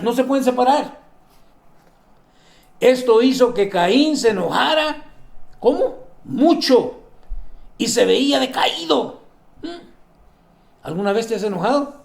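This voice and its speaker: A man's voice: extremely high pitch, creaky, roomy sound. A male pastor preaching a sermon, asking questions and answering them himself and acting out the people in his stories. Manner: acts out the people in his stories, drops to a soft voice for asides.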